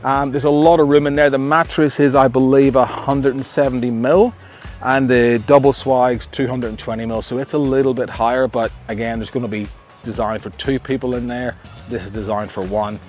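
A middle-aged Australian man chats enthusiastically through a casual camping gear review at a campsite among trees, frequently restarting his sentences. His voice is medium in pitch, fairly flat in movement, a little mellow, and delivered at normal speed. Soft music plays in the background.

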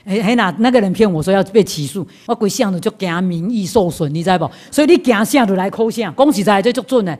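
A woman with a Taiwanese accent giving a Buddhist talk, telling a personal story in a lively way with laughs, repeats and frequent asides to the audience. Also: mid-range voice, fast, hardly any pauses. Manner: lively anecdotal telling, laughs, repeats herself, asks "you know?". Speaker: Buddhist lecturer. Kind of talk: storytelling sermon.

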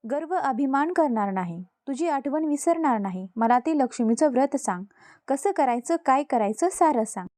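A humble young maidservant begging earnestly and making solemn promises, played by a woman storyteller. Her voice sits high and mellow, close to the mic. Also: expressive, normal speed, no echo. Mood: pleading. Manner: pleading, humble.

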